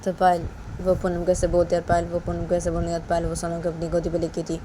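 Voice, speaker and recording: A woman's voice: fairly low pitch, completely flat delivery, fast, noisy background. A woman casually narrating a story, retelling it plainly and repetitively.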